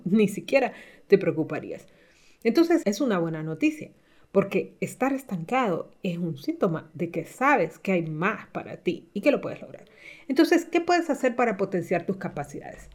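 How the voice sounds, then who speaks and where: A middle-aged woman coach giving a motivational talk, speaking with lively, emphatic swings up in pitch. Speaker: leadership coach.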